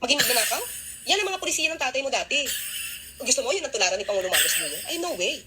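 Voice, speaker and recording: A woman in a played clip makes a public statement at a very fast clip. Her voice is high, bright and swings widely in pitch as she fires off pointed, accusatory questions. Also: sing-song, a little hiss or hum.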